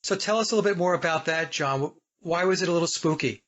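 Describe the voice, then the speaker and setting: A man from the United States hosting a podcast, speaking deliberately, guiding the talk and addressing his listeners directly. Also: fairly high pitch, fairly bright tone. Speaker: podcast host. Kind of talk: casual podcast interview. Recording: dull lo-fi audio.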